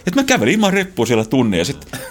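A middle-aged Finnish man telling adventure stories in an interview, animated and laughing often, with many restarts. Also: mid-range voice. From Finland. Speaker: guest, explorer. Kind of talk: casual storytelling.

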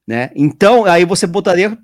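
A man's voice: high-pitched, expressive, normal speed, no echo, studio quality. A man co-hosting a casual chat, talking with enthusiasm. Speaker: co-host.

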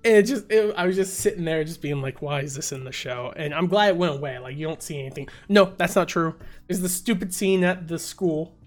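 A man's voice: high voice, a little fast, hardly any pauses, soft background music. A man in casual chat about TV shows, ranting with exasperation and acting out his own reactions. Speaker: podcast co-host.

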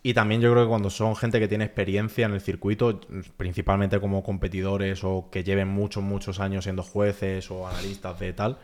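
A man, chatting casually as a podcast guest in an animated, filler-heavy way. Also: sits low. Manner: animated, talks fast with lots of filler phrases. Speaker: guest, freestyle rapper.

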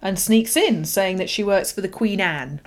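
A woman's voice: mid-range voice, moderate pace. Wry woman recapping a plot. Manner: wry, retells the plot with dry asides. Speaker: podcast co-host. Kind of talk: casual comedic recap chat.

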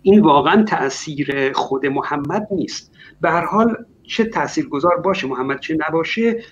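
A man arguing his side in an online debate, speaking in a measured way and pausing often with filler sounds. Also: a little high, animated, dull audio, a little hiss or hum. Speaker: debater arguing against religion.

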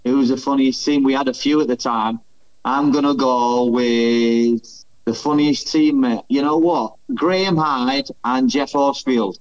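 A man's voice: mid-range voice, steady tone, unhurried. Ex-footballer guy chatting on a podcast, laughs easy, mid voice, kinda muffled sound. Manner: chatty, laughs easily, thinks aloud. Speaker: guest, former footballer. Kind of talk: casual chat.

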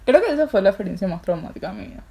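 Co-hosting a laid-back podcast, a young Paraguayan Spanish-accented woman rambles through a story full of filler words. She races along in a warm, sing-song, mid-range voice.

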